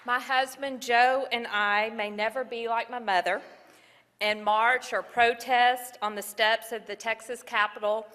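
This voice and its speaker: A woman's voice: a little high, steady tone, unhurried, fairly bright tone. A woman giving brief, polite formal remarks as co-chair of a luncheon. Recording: hall reverb, crowd murmur.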